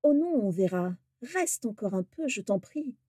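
A woman voicing a bitter aristocratic wizard who speaks low and quietly, with menace. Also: unhurried, dry recording, studio quality, close to an everyday voice. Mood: menacing.

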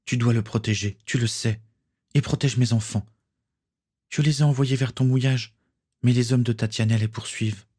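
A man's voice: mid-range voice, steady tone, moderate pace, long pauses, a little mellow, voice pushed up, lightly acted. A man voicing a defiant female pirate in a read-aloud story, curt and fierce. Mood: dying, soft. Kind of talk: audiobook character voice.

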